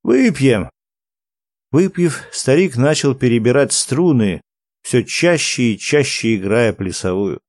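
A man reading a historical novel aloud as a measured audiobook narration. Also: mid-range voice, a little mellow, no room sound.

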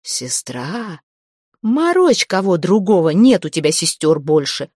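A woman voicing a vengeful dead husband back from the grave, talking low, slow and with contempt. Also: big pitch swings, a little mellow, no echo, studio quality. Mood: menacing.

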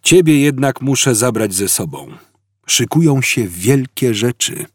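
A man reads a gentle old man in an audiobook. His voice is soft, sad and hesitant, slow and a little husky. It rises and falls widely. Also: mid-range voice, expressive, no room sound, clean studio sound, pitched above the performer's own voice. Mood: mild, wistful. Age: over 60. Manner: soft-spoken, hesitant, mournful. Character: gentle, melancholy old man, mild and weary.

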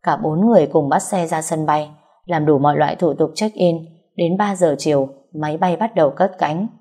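A woman narrating a story in calm, measured scripted prose. Her voice sits low and sounds warm and mellow. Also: husky.

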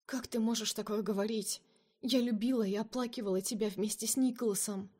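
A woman's voice: a little high, fairly even intonation, a little fast, darkish tone, lightly acted. A woman voicing a desperate young woman who pleads emotionally with her lover. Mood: pleading. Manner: pleading, emotional, breaking into cries.

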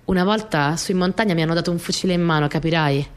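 Speaking quickly in a lowish, smooth voice close to everyday speech, an actress plays a small, earnest young partisan courier from wartime who flusters easily. She tells her story in an intimate, expressive radio monologue, sounding shy and wry.

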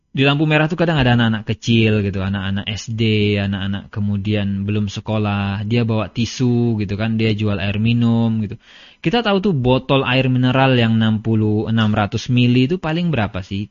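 A man's voice: lowish voice, no echo. A man, a religious teacher, giving a casual lesson in a chatty, storytelling way and reading out Arabic passages. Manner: conversational, storytelling with everyday examples; reads Arabic text aloud. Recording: dull, dry lo-fi lecture recording.

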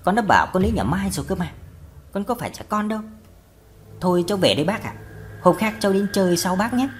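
A woman's voice: medium pitch, very animated, quick pace, slight background noise, close to an everyday voice. A woman voicing a young village man who speaks hesitantly and politely. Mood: impatient.

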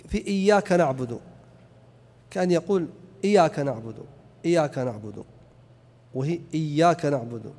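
A man's voice: high voice, warm tone. A man teaching a lesson on a religious text and reciting examples to illustrate each point. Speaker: Islamic teacher. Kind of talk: lecture on a text. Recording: long hall reverb.

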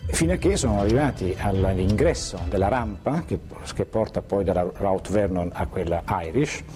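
A man giving a deliberate, detailed account of events as an archive testimony. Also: fairly low pitch, expressive, music in the background.

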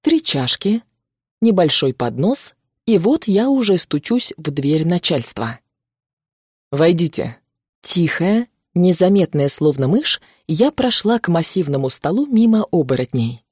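A woman narrating a novel in the first person, expressive and lively. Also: on the low side, unhurried, slightly rough, dry recording, clean studio sound.

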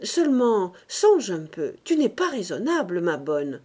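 A woman narrator voicing a brusque, irritable middle-aged husband in a storybook reading, loud and peevish. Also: mid-range voice, very animated, measured pace. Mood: explaining.

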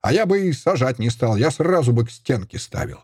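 A man reading an audiobook voices a furious old male prisoner who rants, sneers and shouts accusations in a husky voice. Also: mid-range voice, sing-song, a little fast, dry recording, studio quality. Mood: ranting.

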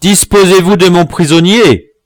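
A man reading an audiobook, voicing a vengeful dwarf villain who mixes Spanish words into his shrill cursing threats. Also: sing-song, takes it slowly, dry recording, studio quality. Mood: furious. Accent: Spanish words mixed in. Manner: shrill, spitting curses and threats.

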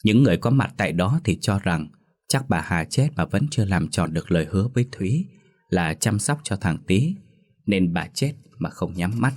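A man narrating a scripted ghost story in a steady storytelling manner. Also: low-pitched.

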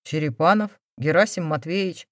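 A calm, self-assured young man, as a woman reads him, quiet and unflappable with a slightly lowered voice. The sound is dry and close. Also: normal speed, no echo, lightly acted. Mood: unruffled.

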